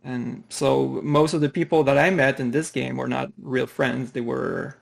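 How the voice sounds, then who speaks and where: A native French speaker from Quebec, Canada, a man in his thirties with a Quebec French accent, is a podcast guest answering interview questions on a call in a casual chat. His mid-range voice moves at a measured pace with vocal fry, and he uses many fillers and restarts.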